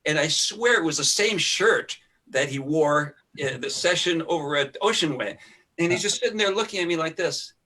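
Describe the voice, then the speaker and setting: A man with a bright, forward voice that sits a little high for a man. He tells his studio stories in a loose, rambling way, stopping to think aloud. The talk is casual and anecdotal. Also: lively intonation, moderate pace. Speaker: podcast guest, recording engineer. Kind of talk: casual storytelling conversation.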